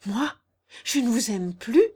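A woman's voice: on the high side, moderate pace, a little mellow, pitched above the performer's own voice, close to an everyday voice. A woman voicing a simple, devoted young peasant girl who speaks earnestly and plaintively in an audiobook. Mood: pleading. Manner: earnest, plaintive, rustic phrasing. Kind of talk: audiobook character reading.

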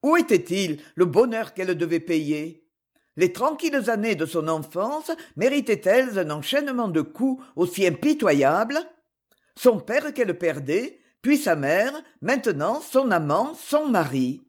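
Expressive audiobook narrator, breathy tone. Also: mid-range voice, unhurried. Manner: expressive, lyrical reading.

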